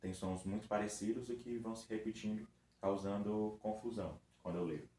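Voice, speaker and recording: A man's voice: lowish voice, fairly even intonation, dark tone. A man teaching a recorded review lesson for children, patiently stretching out words syllable by syllable. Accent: Brazilian Portuguese. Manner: patient, drawn-out syllable-by-syllable demonstration. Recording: echoey room with faint background noise.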